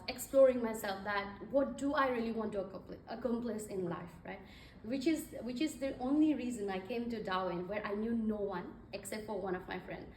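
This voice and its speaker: A young Nepali woman, a guest speaker, gives a conversational talk full of fillers in an event hall. Her voice is a little high, and the echoey recording is made from far off with slight background noise.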